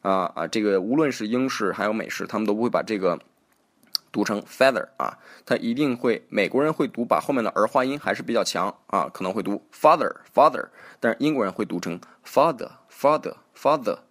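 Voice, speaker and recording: A man's voice: lowish voice, animated, quick pace. Chatty man teaching pronunciation. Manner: chatty, corrects himself, repeats example words aloud. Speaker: host teaching English pronunciation. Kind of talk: casual spoken lesson.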